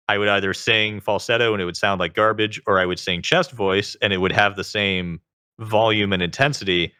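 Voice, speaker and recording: A man with a very low voice that still has a bright, forceful edge. He is a guest in a casual interview. He talks at length, leaning on filler words as he explains. The sound is close and dry. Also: no room sound. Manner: talkative, explains at length with lots of "like".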